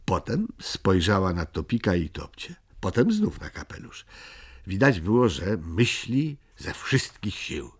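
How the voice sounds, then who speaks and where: A man with a low, husky voice narrates a children's story. He reads unhurriedly, with lots of rise and fall in his delivery. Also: sing-song, a little slow. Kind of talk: audiobook reading of a children's story.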